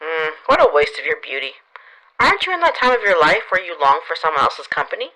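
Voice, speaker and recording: A woman's voice: fast, heavily acted, low-quality recording. A woman voicing a flirtatious, brash middle-aged female company president in an audiobook, with a teasing, playful manner. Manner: teasing, playful, lively swings in pitch.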